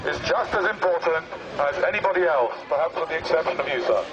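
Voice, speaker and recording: Man making deadpan megaphone announcements. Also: a little high, fast talker. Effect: speaking through a megaphone. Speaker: street prankster making mock announcements. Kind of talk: mock public announcements. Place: busy outdoor public square. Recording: muffled megaphone with street noise.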